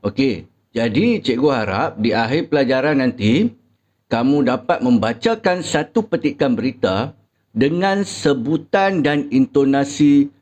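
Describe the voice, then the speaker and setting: A young man with a Malaysian Malay accent, teaching pupils a reading lesson slowly and deliberately, with frequent filler sounds. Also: mid-range voice, lively intonation, a little mellow.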